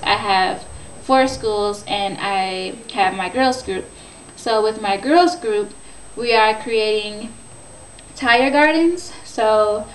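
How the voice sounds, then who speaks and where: A woman's voice: on the high side, a little hiss or hum. Young woman from Ohio, earnest and explanatory, recorded at a distance in an echoey room. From Ohio, USA. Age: 20s. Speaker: volunteer. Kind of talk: casual self-introduction video.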